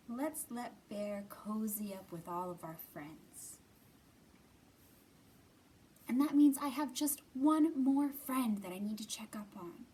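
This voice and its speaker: A woman with a fairly high pitch and a dark tone hosts children's storytime inside a library. Reading aloud, leading puppets and a sing-along, she speaks in plain, encouraging terms suited to young children.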